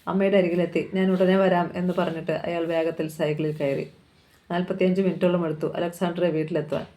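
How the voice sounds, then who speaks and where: A narrator reading a crime thriller novel aloud with steady, dramatic storytelling. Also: medium pitch, fast talker, low-quality recording.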